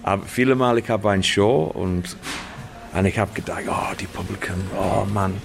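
A British comedian whose first language is English, speaking halting German and often stopping to search for words. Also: male voice, on the low side, creaky, faint music behind. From Britain. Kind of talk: interview.

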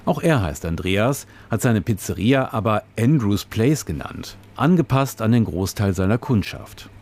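In an even, measured flow, a man narrates a scripted radio report, describing scenes and background detail. He is a reporter, and his voice is fairly low.

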